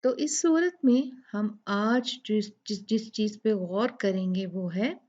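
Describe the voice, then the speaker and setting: Slow, patient woman reciting and teaching. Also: medium pitch, a little mellow, highs cut off. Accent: Pakistani Urdu. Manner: patient, drawn-out syllables, repeats sounds for students. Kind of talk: slow tajweed lesson with recitation.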